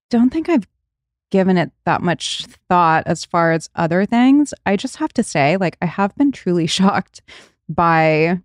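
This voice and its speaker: Woman, late 30s, podcast host; lower register, breezy chatter with frequent laughs, dead-dry studio sound. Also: no room sound. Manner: chatty, laughs often, trails off. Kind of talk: casual chat.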